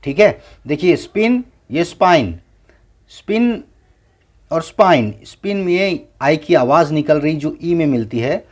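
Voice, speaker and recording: A man teaching English phonics in a slow classroom lesson, spelling each word out letter by letter and repeating it. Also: fairly high pitch, lively intonation. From India.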